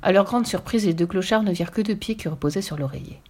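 A woman reads a children's story aloud in a lively, expressive way. Her voice sits at a middle pitch, and she tells the tale with animated storytelling. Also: fast talker.

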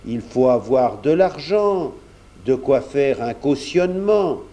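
A man's voice: medium pitch, animated, slow, dark tone. A man reading aloud and voicing a humble young café waiter, hesitant and modest.

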